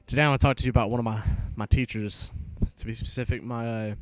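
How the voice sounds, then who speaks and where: A young male gamer rambles through a school story in loose, profane casual talk, with many restarts. His voice sits at an ordinary pitch for a man. The sound is close and dry, with no room echo. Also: steady tone, fast talker. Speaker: gaming vlogger. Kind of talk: rambling storytelling over gameplay.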